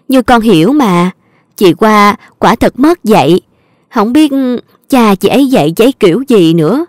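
A woman's voice: a little high, no echo, studio quality. A woman with a Southern Vietnamese accent voicing a scheming young daughter-in-law who whines and pleads. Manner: whiny, pleading. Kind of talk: audio drama reading.

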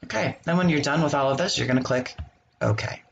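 A man hosting a screen-recorded software walkthrough, explaining each step in a relaxed way with the odd um. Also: fairly high pitch, brisk, gravelly, dull audio, a little hiss or hum. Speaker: software tutorial host.

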